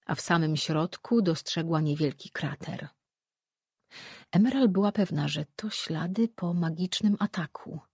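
An audiobook narrator giving a steady, measured reading of a fantasy novel. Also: medium pitch, slightly rough, dry recording, clean studio sound.

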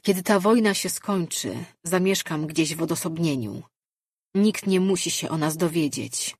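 A woman's voice: fairly low pitch, measured pace, breathy edge, dry recording, clean studio sound. A woman doing a sheepish, lovestruck young man.

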